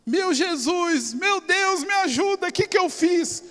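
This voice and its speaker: A woman's voice: very high-pitched, expressive, slow pace, a bit bright, pitched above the performer's own voice, full character voice. Man doing a panicky old lady. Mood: panicked pleading. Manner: pleading, panicky. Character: frightened elderly woman after a car crash. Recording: reverberant church hall.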